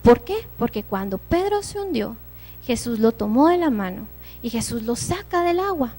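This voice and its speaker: A woman's voice: on the high side, very animated, normal speed, mellow, faint music behind. A woman giving a church sermon, preaching earnestly and conversationally with personal stories.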